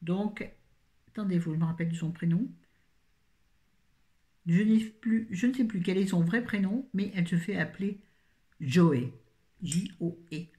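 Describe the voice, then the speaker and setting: A woman's voice: on the low side, moderate pace, pauses often, dark tone. A middle-aged woman from France chatting casually about books she has read, rambling, correcting herself and dropping jokey asides. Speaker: book reviewer. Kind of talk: casual book review chat.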